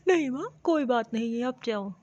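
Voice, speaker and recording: A woman's voice: a little high, animated, moderate pace, warm tone. A woman voicing an easygoing young married man in a cartoon story, talking in a soothing, placating way. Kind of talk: cartoon voice acting. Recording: dull, muffled lo-fi recording.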